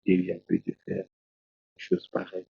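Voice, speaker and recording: This Congolese preacher's voice is very low, gravelly and husky, holding a monotone as he recounts his testimony as a guest in a talk show interview. His telling is slow and halting with frequent restarts, and the recording sounds dull, lo-fi and dry, without room sound.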